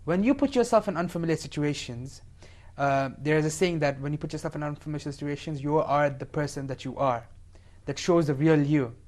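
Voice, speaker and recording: A man's voice: a little high, a little fast, darkish tone. A seventeen-year-old boy from India, speaking as a talk show guest, with frequent fillers. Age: teen. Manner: hesitant, many fillers. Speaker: young guest.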